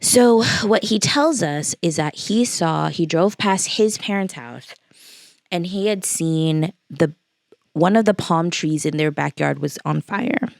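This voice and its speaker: A woman's voice: on the low side, takes it slowly, creaky, a little mellow, no echo, clean studio sound. A woman in her late twenties from the Los Angeles area, casually retelling a story with lots of fillers and quoted dialogue. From Los Angeles area, California. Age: late 20s. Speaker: vlogger. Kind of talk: storytime vlog.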